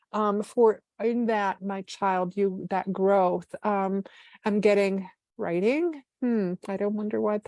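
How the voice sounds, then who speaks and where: A woman gives a live spiritual channeling reading over a video call. Her voice sits at a middle pitch and sounds soft and reverent, with breathy sighs between messages. The sound is dry and close. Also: dry recording. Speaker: guest channeler.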